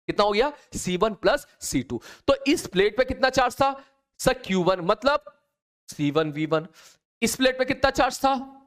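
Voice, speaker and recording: Guy teaching physics, high voice that jumps around a lot, chats right at the students. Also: expressive, normal speed, fairly bright tone. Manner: talks to students directly, mimics their replies. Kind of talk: explaining capacitor problems on a board.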